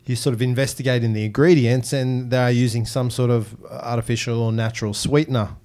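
Male podcast co-host, 40s, mid pitch, jokey questioning banter, close studio mic. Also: steady tone, fairly quick, a little mellow. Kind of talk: casual bantering chat. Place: small indoor podcast studio. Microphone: close boom-arm studio mic with headset.

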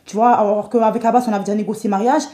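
A woman with a Comorian French accent playing an indignant young woman who fights an arranged marriage, talking fast and exasperated. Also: mid-range voice, steady tone, dark tone, roomy sound, lightly acted. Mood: upset. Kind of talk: amateur series acting.

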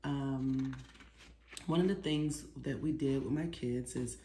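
A storytime presenter, an American woman in her forties, speaks slowly in a rumbling low, mellow voice. She chats casually with children, offering encouragement and asking questions. The setting is a small indoor living room at home, and the recording is echoey with clear background noise.

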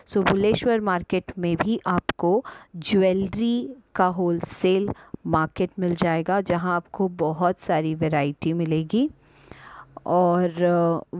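Slow, low-voiced woman shopping vlogger. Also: darkish tone, poor audio. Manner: chatty, mixes Hindi and English, frequent "uh" fillers. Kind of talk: casual vlog narration.

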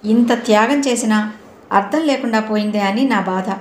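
Woman voicing a quiet, downcast young man. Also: on the high side, moderate pace, natural voice. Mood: subdued. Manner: soft, subdued. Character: sad, quiet young man, elder brother. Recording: roomy room, faint noise.

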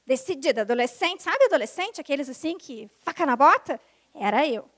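A young adult woman sharing her personal conversion testimony, animated and emotional, acting out the voices of people in her story. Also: high voice, fairly quick. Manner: animated storytelling, acts out quoted dialogue; emotional, intensifying at the climax.

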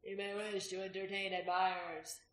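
A woman reading the part of a sly, prosperous, graying male innkeeper who talks loudly and teasingly, in a storybook reading. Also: mid-range voice, little pitch movement, normal speed, natural voice. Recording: roomy echo.

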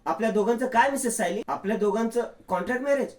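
A man's voice: extremely high pitch, quick pace, voice pushed up. A man doing a puzzled, flustered young husband. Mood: puzzled, anxious. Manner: questioning, flustered. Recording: roomy echo.

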